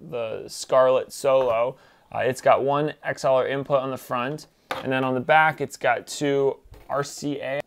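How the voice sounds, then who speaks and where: A young man giving a relaxed, plain-spoken how-to demonstration at a desk in a small room. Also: mid-range voice, clean tone. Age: young adult. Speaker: tech trainer.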